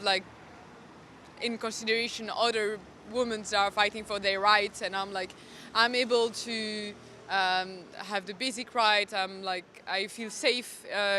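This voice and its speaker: Bright-voiced young woman, hesitant. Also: medium pitch, a little hiss or hum. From Belgium. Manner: hesitant, many fillers. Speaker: interviewee. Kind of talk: street interview. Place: outdoors on a city street.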